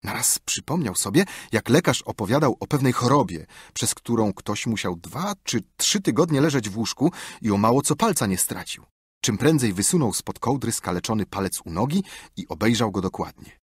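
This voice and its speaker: A man narrating an audiobook with expressive, lively storytelling. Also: lowish voice, normal speed, breathy edge, no echo, clean studio sound. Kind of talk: scripted narration.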